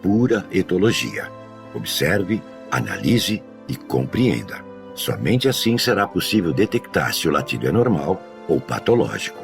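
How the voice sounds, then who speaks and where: A man working as a dog trainer, giving a measured, scripted educational narration. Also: low-pitched, sing-song, creaky, faint music behind. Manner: measured, explanatory delivery.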